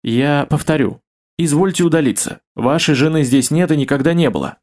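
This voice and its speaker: A man's voice: on the high side, a little fast, a little mellow, lightly acted. A man voicing a proud, formal young nobleman and swordsman in an audiobook. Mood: insistent. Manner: formal, haughty.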